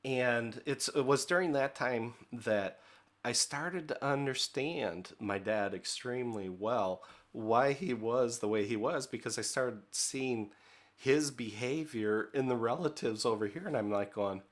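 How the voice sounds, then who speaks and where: A middle-aged American man gives a relaxed leadership training lecture in a medium-pitched voice at a measured pace. He talks conversationally, using filler words and checking in with "okay?"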